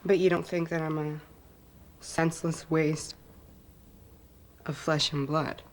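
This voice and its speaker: An actress playing a brash young woman who talks fast and defensively and wisecracks, in daytime soap acting. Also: low-pitched, little pitch movement. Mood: earnest. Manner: defensive, quick-tongued, wisecracking.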